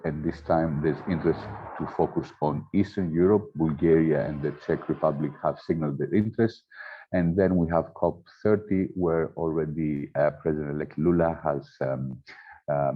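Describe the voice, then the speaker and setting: Deep husky male moderator, relaxed, muffled lo-fi video call. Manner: relaxed, with fillers. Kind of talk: online panel moderation.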